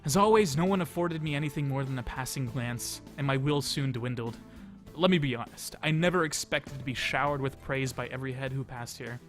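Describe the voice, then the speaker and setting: Game music plays under a man who narrates a visual novel for a let's play, acting out the story and slipping in offhand comments. He speaks a little fast, at a medium pitch, with a somewhat bright tone.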